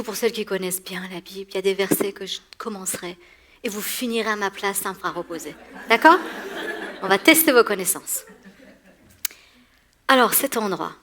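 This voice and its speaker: A woman from Iran in her forties preaching a sermon in a church to a women's gathering, animated, laughing often and repeating words as she goes. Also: medium pitch. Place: church hall.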